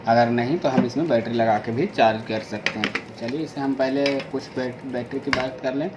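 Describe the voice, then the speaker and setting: An Indian man hosts an informal product unboxing, narrating the demonstration step by step and repeating himself often as a reviewer and video host. His mid-range voice has fairly even intonation and a moderate pace, and the amateur recording is clearly noisy.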